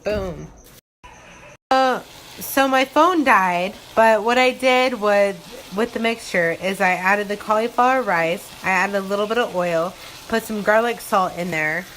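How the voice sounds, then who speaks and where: A woman's voice: mid-range voice, unhurried, a bit bright. A woman giving an informal, step-by-step cooking narration in the style of a casual home vlog. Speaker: home cook presenting a recipe. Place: home kitchen. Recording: noisy kitchen with frying sizzle. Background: food frying and sizzling.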